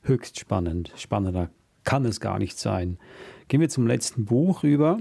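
Low mellow man, husky voice. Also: moderate pace, dry recording. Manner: relaxed, chatty, with fillers and restarts. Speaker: radio book show host. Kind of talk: radio book talk.

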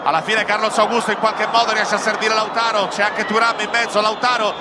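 Breathless, very high-pitched male goal commentator. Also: fairly quick. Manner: breathless, excited shouting. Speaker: TV football commentator. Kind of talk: live football goal commentary. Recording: loud stadium crowd and noise.

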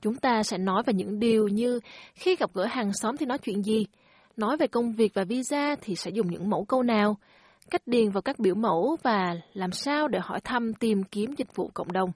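A woman's voice: medium pitch, animated, normal speed, a little mellow, slightly rough, dry recording. A woman hosting a language lesson, speaking in a friendly, encouraging teacher tone. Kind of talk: scripted lesson narration.

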